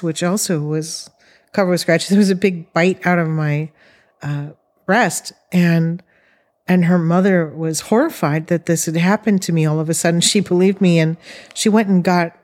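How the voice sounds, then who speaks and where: Middle-aged woman, halting earnest storyteller. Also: fairly low pitch, a little mellow. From northern Arizona, USA. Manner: earnest, halting, with frequent restarts. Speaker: guest. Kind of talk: recounting a personal experience.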